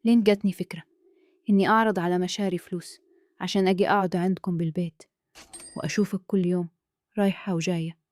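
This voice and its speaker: A Kuwaiti woman voicing a calm scheming man. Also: lowish voice, fast, long pauses, dry recording, lightly acted. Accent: Kuwaiti Arabic. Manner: calm, hushed, persuasive.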